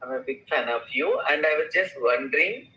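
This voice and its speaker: A man's voice: medium pitch, echoey room, noisy background. A man from India, a beauty business owner chatting eagerly as a guest on a live stream. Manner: eager, flattering, drawn-out phrasing. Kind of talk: casual live-stream chat.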